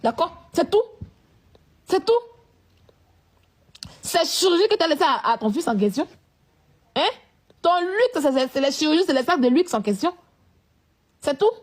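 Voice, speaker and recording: A woman's voice: sits high, sing-song, moderate pace, pauses often. A woman ranting at someone in a scolding, repetitive, confrontational way. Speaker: vlogger. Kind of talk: live-stream rant.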